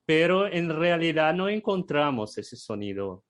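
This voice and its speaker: Slow-talking man, hesitant. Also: on the high side, big pitch swings. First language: Portuguese. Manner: unhurried, hesitant, adds frequent tag questions. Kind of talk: casual explanatory chat.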